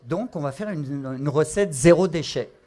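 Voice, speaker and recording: A man's voice: on the high side, moderate pace, warm tone. A middle-aged man with a Parisian French accent, a chef explaining a cooking demonstration, with frequent fillers and restarts. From France.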